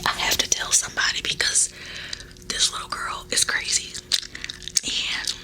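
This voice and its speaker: Whispering ASMR woman chewing gum. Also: poor audio. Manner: chatty, confiding, informal. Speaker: ASMR video creator.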